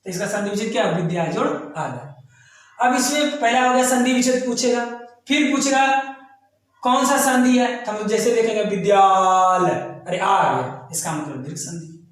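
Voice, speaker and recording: Man, grammar teacher, coaching lesson, repeats and chants terms, very high voice, strong room echo. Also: moderate pace, fairly bright tone. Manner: repetitive, chanting terms in lists. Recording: very echoey room.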